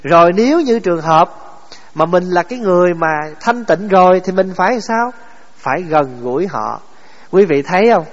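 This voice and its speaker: High-voiced monk preaching. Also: male voice, in a large hall, lo-fi sound. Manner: asks the audience questions and answers them himself, with chuckles. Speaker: Buddhist monk giving a dharma talk. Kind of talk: sermon.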